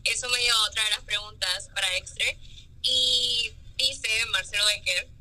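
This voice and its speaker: A woman interviewing two musicians in a casual chat, upbeat with quick reactions. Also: medium pitch, pushed and bright, rough recording.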